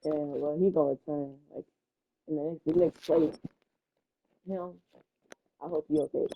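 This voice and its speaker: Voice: mid-range voice, fairly even intonation, normal speed, dull audio, a little hiss or hum. Young creator, casual gameplay chatter, rambling and stumbly. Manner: rambling, stumbles over words. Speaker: gaming video creator.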